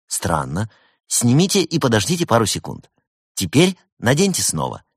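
Male narrator voicing a bright, eager young helpdesk man; raised voice, animated delivery, storybook. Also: mid-range voice, moderate pace, slightly rough, no echo, studio quality, voice pushed up, heavily acted. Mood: cheerful, eager. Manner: chirpy, eager, bright helpful phone manner. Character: young cheerful male tech-support worker. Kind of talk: audiobook character voice.

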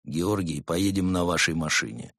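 Man doing a low, menacing stern monk. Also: normal speed, a bit bright, dry recording, studio quality. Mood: sceptical. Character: stern grim male monk, quietly menacing.

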